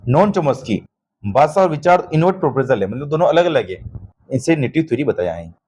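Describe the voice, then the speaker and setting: A man lectures for an exam-prep class in a somewhat higher voice. He keeps asking quick checking questions and addresses his students as "beta", in a patient, repetitive teaching manner. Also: big pitch swings, darkish tone, slightly rough. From Rajasthan.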